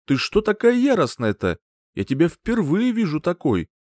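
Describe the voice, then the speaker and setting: A man's voice: high voice, wildly swooping pitch, moderate pace, a little mellow, no room sound, clean studio sound, pitched above the performer's own voice. A man voicing a timid, cowed man in an audiobook, defensive and placating. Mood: cowering. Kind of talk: audiobook character voice.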